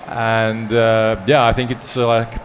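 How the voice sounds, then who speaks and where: A man's voice: mid-range voice, monotone, a little slow, soft background music. A man who is a poet and translator answering a panel question, hesitant and full of fillers, with dry humor. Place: panel session at a book fair.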